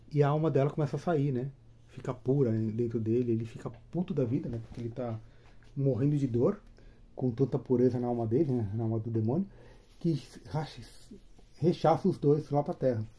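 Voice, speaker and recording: Husky, dark-voiced man retelling a comic. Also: medium pitch. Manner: chatty, constant tag questions, animated storytelling. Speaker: comic book reviewer. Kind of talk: casual retelling of a comic story.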